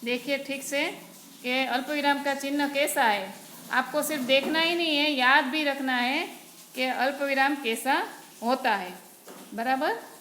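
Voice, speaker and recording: A woman's voice: high-pitched, unhurried, a bit bright. A woman teacher from Gujarat explaining Hindi grammar patiently, step by step, in a lesson. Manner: patient, explains step by step, often says "barabar". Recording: echoey room with faint noise.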